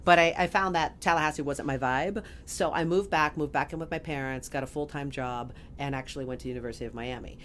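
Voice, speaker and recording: A middle-aged woman telling a story in a casual podcast interview, animated and often laughing as she acts out quoted voices. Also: deep voice, fast, hardly any pauses, a little hiss or hum. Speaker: guest.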